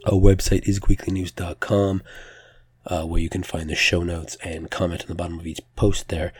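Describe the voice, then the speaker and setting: A man's voice: deep voice, little pitch movement, normal speed, husky, no echo. A man hosting a podcast solo with casual news commentary, hesitant and self-correcting, in a slightly strained, pressed voice. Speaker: podcast host.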